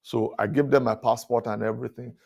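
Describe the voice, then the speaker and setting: A man giving a sermon-style leadership talk at a conference. He speaks animatedly, chuckles between points, and his pitch climbs high when he drives a point home. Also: steady tone, fairly quick, gravelly, a little mellow. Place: conference hall.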